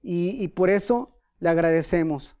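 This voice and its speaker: Brief: Mexican male pastor, sermon, animated anecdotal delivery. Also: high voice, unhurried. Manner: animated storyteller, acts out quotes. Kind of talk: sermon with storytelling.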